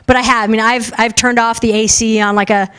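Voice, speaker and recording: A young woman speaks at a conference in a loud, chatty way that keeps tumbling forward with fillers. Her voice sits a little high. She talks casually and directly to the room. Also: little pitch movement, fairly quick, smooth. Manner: loud, talkative, lots of fillers. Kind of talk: casual live talk. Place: conference room with a live audience.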